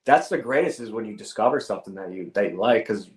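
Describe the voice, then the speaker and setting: A man's voice: fairly low pitch, animated, fast talker. Male musician in an echoey room. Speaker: musician, interview guest. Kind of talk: casual interview chat. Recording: roomy, echoing sound.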